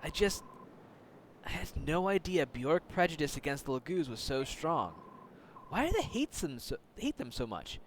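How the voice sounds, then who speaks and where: A man's voice: a little high, big pitch swings, moderate pace, a little hiss or hum. A man voicing an earnest young male mercenary hero, speaking sincerely and searchingly. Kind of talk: reading game dialogue aloud.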